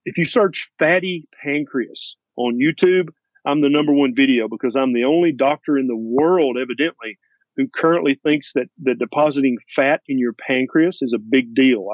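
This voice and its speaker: Male interview guest, doctor, Tennessee accent. Emphatic and folksy, mid-pitched, close dry sound, a little lo-fi. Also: dry recording. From Tennessee, USA. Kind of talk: conversational interview.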